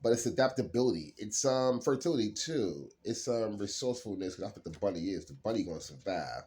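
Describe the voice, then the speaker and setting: A man's voice: on the low side, lively intonation, fairly quick, darkish tone, slight background noise. A man doing a late-night solo card reading, rambling and laughing often as he drawls through his thoughts. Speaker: card reader.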